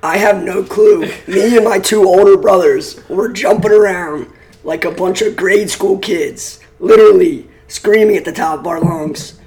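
A man's voice: sits high, unhurried, a little mellow. A man co-hosting a sports podcast with a sore, fading voice, brash and boastful. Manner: brash, boastful fan talk. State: sore throat, losing his voice. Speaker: podcast co-host. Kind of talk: casual sports podcast chat.

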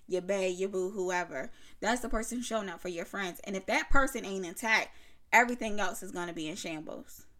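A woman's voice: medium pitch, a bit bright. Chatty woman preaching to fellow mothers. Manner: conversational, preachy, asks rhetorical questions; uses casual slang. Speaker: podcast host. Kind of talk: motivational faith talk to mothers.

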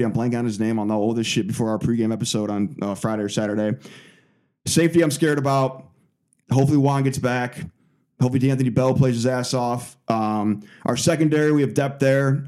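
A man's voice: mid-range voice, a little mellow. A man co-hosting a sports podcast, talking in a loose, rambling way with lots of fillers. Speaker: podcast co-host. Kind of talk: casual sports chat.

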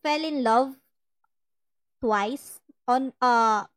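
A woman's voice: fairly high pitch, extremely slow, heavy background noise. A young Filipino woman hosting a casual advice talk, teasing and laughing often as she mixes in English. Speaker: podcast host giving love advice.

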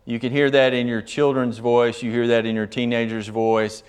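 Pastor, male, sermon delivery; smooth resonant tone, measured pace with drawn-out emphasis. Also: mid-range voice, flat delivery. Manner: measured preaching with slowed emphatic phrases.

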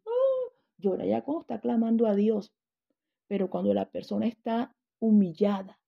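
A woman's voice: fairly high pitch, gravelly, lo-fi sound. A woman teaching a Bible lesson, telling stories and putting questions to her class.

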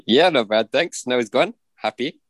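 A man co-hosting a casual podcast, speaking in a measured, hesitant way. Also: mid-range voice, animated, crowd noise. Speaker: podcast co-host.

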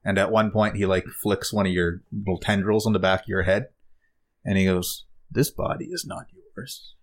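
A man narrating a tabletop game as game master, in a halting way full of fillers and restarts. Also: low voice, level tone.

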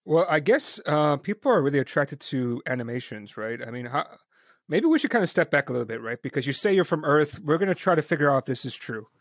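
A man's voice: on the high side, expressive, fast talker, no room sound, clean studio sound. A man hosting a casual live-stream interview, joking and chatty. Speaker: podcast host.

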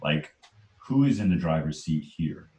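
His voice rumbling low and dark, a forties-aged Trinidadian man tells his life story to an interviewer, expressive and a little slow. He speaks earnestly and emphatically, checking in with "right?", in a roomy recording with some hiss or hum.

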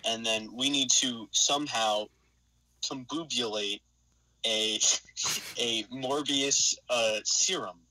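A young man guesting on a casual podcast, playful and jokey with deadpan asides. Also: mid-range voice, slow, a little hiss or hum, rough recording. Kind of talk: casual goofy podcast chat.

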